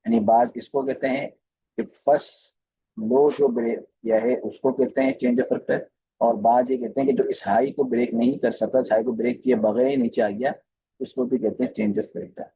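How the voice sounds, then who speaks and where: A man with a very dark, mellow voice and a husky edge teaches a live class at a screen. He speaks, repeats himself and asks the class questions as he goes. The sound is slightly dull and muffled. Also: medium pitch, fairly even intonation, moderate pace. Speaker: trading course teacher. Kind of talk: recorded live class lecture.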